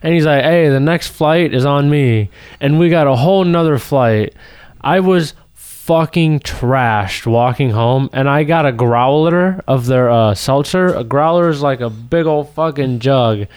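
A man's voice: mid-range voice, measured pace, a little mellow, clean tone, no room sound. A young man co-hosting a podcast, telling casual stories in a slangy, sweary frat-bro manner. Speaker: podcast co-host. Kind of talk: casual banter and storytelling.

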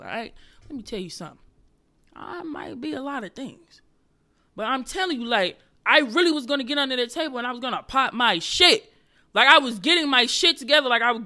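Bright-voiced, profane comedian woman ranting. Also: a little high. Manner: loud, profane, animated storytelling with sudden drops to a whisper. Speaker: comedian podcast host. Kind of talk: solo comedic rant.

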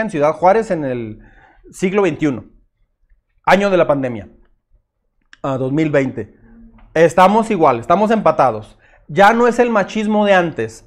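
Man, middle-aged, high pitch, earnest direct sermon. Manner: earnest, direct, addresses listeners as usted, acts out their objections. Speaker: pastor.

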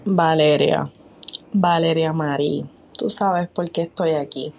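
A woman leaving a giggly, excitable voicemail, mixing in English. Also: sits low, takes it slowly, gravelly. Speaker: voicemail caller. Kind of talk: casual voice message.

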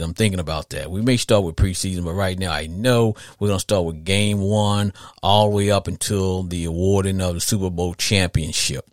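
A middle-aged Southern man hosts a laid-back sports talk podcast, his voice sitting low. He rambles in a folksy way and repeats phrases to drive his points home. The recording is clean studio sound with no echo.

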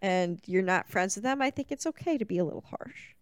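A woman's voice: mid-range voice, animated, clean tone, no echo. A woman co-hosting a casual podcast, reacting to a film with chatty, joking comments. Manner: chatty, quick reactions, jokey asides. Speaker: podcast co-host.

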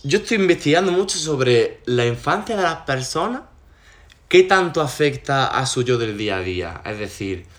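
A young man hosts a casual podcast chat. He speaks at an ordinary pitch in a relaxed, reflective way, often pausing for little asides before landing his point. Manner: relaxed, reflective, talks it through with many asides. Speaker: podcast host.

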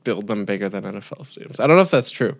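A man's voice: lowish voice, lively intonation, very fast, gravelly. A young man co-hosting a casual podcast chat from home, joking and throwing out questions. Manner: joking, asks questions and bounces between ideas. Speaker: podcast co-host. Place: home, remote recording.

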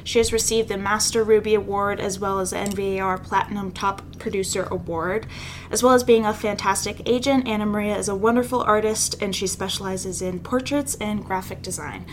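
A woman in her twenties hosting a casual interview podcast, bubbly and quick to react. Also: mid-range voice, fairly even intonation, slight background noise. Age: 20s. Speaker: podcast host, real estate agent.

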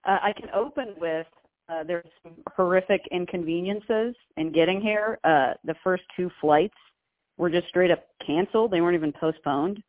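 Woman co-host calling in by phone: bad connection that keeps breaking up, tinny and dry, wry deadpan delivery. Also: on the low side, moderate pace, no room sound. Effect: breaking-up phone line. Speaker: podcast co-host calling in from abroad. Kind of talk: casual chat.

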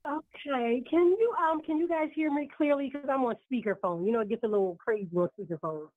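A woman co-host reciting spoken word poetry in a rhythmic, measured way, heard over a speakerphone call. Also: fairly high pitch, no echo. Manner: rhythmic, measured rhyming delivery. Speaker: poet and show co-host. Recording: tinny dry speakerphone line.

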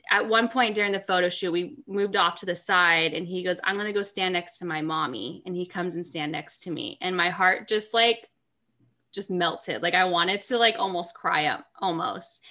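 A woman's voice: lowish voice, bright, forceful tone. A woman in her thirties, a mother co-hosting a casual chat show, agreeing readily and telling her own stories. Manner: agreeable, quick affirmations. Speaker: podcast co-host, mother.

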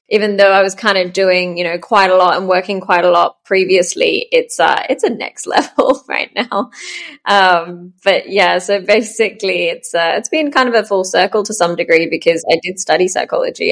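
A woman, a startup founder chatting in an interview, full of ums and soft laughs. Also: lowish voice, creaky. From Australia. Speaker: startup founder, podcast guest. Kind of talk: casual interview chat.

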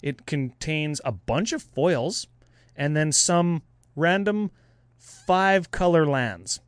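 Easygoing, higher-voiced male podcast co-host. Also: lively intonation, slow pace, smooth, no echo. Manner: easygoing, runs the giveaway details. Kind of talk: casual podcast banter.

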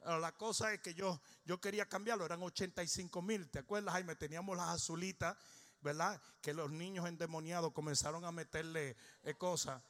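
A male pastor, preaching a humorous sermon that swings from shouting to low, joking storytelling. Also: fairly even intonation, brisk.

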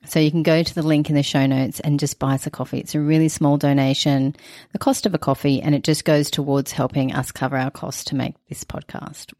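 A woman's voice: low voice, level tone, fairly quick, darkish tone, dry recording, studio quality. A woman co-hosting a casual podcast, chatty and giggly as she recaps the episode. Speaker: podcast co-host.

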